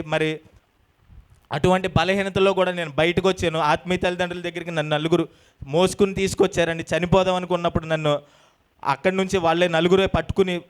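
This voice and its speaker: A man's voice: high-pitched, clean tone. A man earnestly giving a personal testimony to a church congregation, speaking politely with frequent respectful endings.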